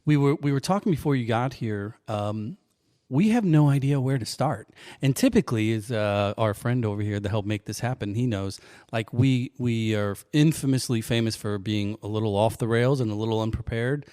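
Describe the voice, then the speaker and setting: A man hosting a podcast in casual chat, joking and halting with fillers and restarts. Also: mid-range voice, dark tone, no room sound, clean studio sound. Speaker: podcast host.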